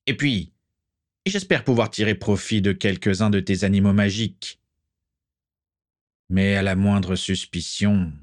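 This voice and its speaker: A man's voice: fairly low pitch, measured pace, pauses often, no room sound, studio quality, close to an everyday voice. A man reading aloud and voicing a stern, proud old aristocratic wizard who speaks in curt, cold sentences, in an audiobook-style story reading. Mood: haughty, cold. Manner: curt, haughty.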